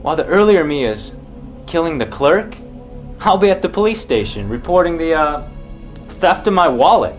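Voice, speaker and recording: Smug scheming crook voiced by a man, slightly high, lively, faint music. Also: normal speed.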